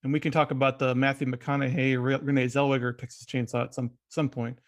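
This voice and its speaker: A man's voice: mid-range voice, flat delivery, quick pace. Man talking films, casual and restarting. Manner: conversational, frequent restarts and hedges. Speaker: film critic podcast host. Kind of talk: casual film discussion.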